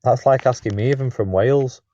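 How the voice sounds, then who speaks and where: A man's voice: mid-range voice, brisk, mellow, no room sound, muffled recording. A man with an English accent trading dry, sardonic quips in casual podcast banter. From England.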